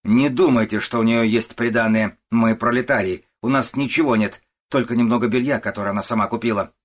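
A man with a husky voice voicing a harsh, scolding old working-class mother in an audiobook, shouting and contemptuous. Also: medium pitch, fairly quick, pitched above the performer's own voice, lightly acted. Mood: gruff. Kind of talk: audiobook character voice.

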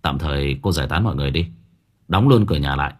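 A man's voice: a bass voice, lively intonation, quick pace, breathy edge, pitched below the performer's own voice, heavily acted. A man voicing a cold, stern young healer who speaks curtly. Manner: curt, cool.

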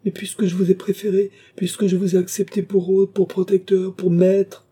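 A man's voice: mid-range voice, a little fast, warm tone, slightly rough, voice pushed up, close to an everyday voice. A man voicing a humble young man who pleads and cries out in anguish, in a storybook reading.

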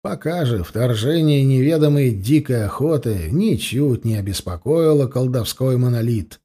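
A man narrating a fantasy audiobook in a measured, dramatic reading. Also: mid-range voice, lively intonation, dark tone, breathy edge.

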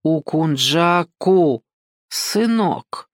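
A woman reading an audiobook and voicing a sly, domineering older African man who talks slowly and patronizingly. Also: on the low side, expressive, dry recording, clean studio sound. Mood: coaxing, sly. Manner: slow, coaxing, patronizing, keeps saying "son".

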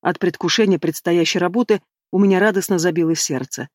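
A man narrating an audiobook in a measured, even reading style, close to the mic. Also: sits high, no room sound. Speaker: audiobook reader. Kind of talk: scripted narration.

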